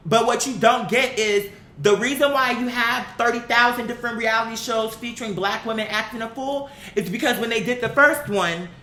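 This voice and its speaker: The voice is sharp and at normal speed: an online commentary host venting a blunt, casual, opinionated rant to the audience, profane and emphatic with repeated words. Faint rumbling noise and a roomy echo color the audio.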